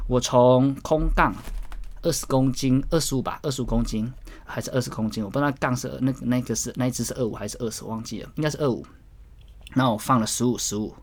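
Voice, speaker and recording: Husky chatty man telling a gym story. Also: medium pitch. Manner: chatty, rambling, demonstrates exercises while talking. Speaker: gym-goer vlogger. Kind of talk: casual storytelling.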